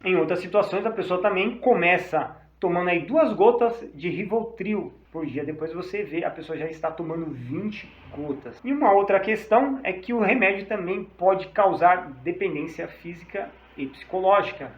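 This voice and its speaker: A man's voice: sits high, expressive, normal speed, few pauses. A Brazilian man, a psychologist, explaining treatments in an informal, conversational way and checking in with "tá?" and "né?". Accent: Brazilian Portuguese. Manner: informal, often adding "tá?" and "né?". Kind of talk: explanatory talk to camera. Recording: echoey room, slightly dull sound.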